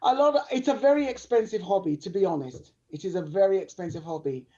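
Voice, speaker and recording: A woman's voice: mid-range voice, fast, warm tone. A woman guest, a sumo wrestler, talking candidly and emphatically on a video call, repeating her points. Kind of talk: interview chat. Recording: dull lo-fi audio.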